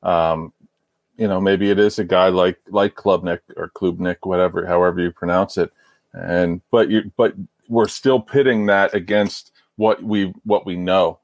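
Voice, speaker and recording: A man chats about sports in a halting way, repeating words as he gets going. His voice is low. The sound is dry and close to the mic. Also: fairly even intonation, no echo. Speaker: podcast co-host. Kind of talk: casual sports chat.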